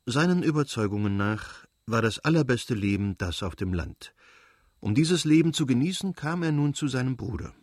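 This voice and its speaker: A man narrates a classic novel as an audiobook, measured and even. His voice sits at an ordinary pitch. The recording is dry, with no room sound. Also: dry recording.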